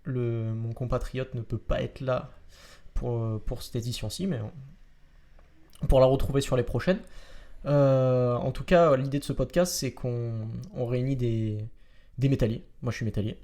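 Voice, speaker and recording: A man in his twenties from Marseille with a Marseille accent, hosting a casual podcast chat, halting and full of fillers and restarts. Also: medium pitch, fairly even intonation, warm tone. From France. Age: 20s. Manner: halting, many fillers and restarts, laughs easily. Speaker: podcast host. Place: room in Marseille.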